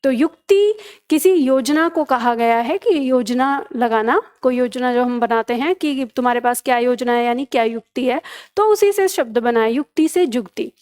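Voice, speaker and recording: A woman's voice: on the high side, moderate pace, darkish tone. A woman teaching a Hindi grammar lesson for exam preparation, patiently explaining and repeating each word pair.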